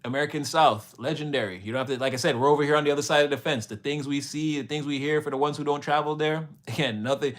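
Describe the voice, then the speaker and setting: A man's voice: fairly high pitch, steady tone, quick pace, few pauses. A man from Montreal, Canada, hosting a casual livestream, rambling in a slangy way and laughing often as he answers his chat.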